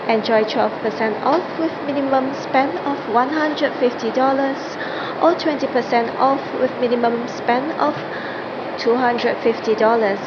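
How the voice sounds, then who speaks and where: Dull lo-fi PA sound, female flight attendant, plane cabin announcement, scripted, steady aircraft hum. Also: a little high, measured pace. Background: steady aircraft cabin noise.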